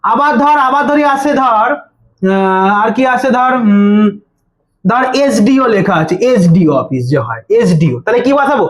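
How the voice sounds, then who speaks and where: A woman's voice: medium pitch, expressive, a little slow, echoey room. A woman tutoring a grammar lesson in a casual way, who keeps asking and answering her own questions and repeats the key answers.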